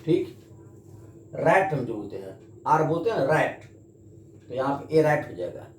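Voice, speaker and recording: Very animated yet slow in pace, a man teaches grammar with big swings in pitch. He speaks to his students, posing questions and supplying the answers himself, his voice ringing in an echoey room with faint background noise.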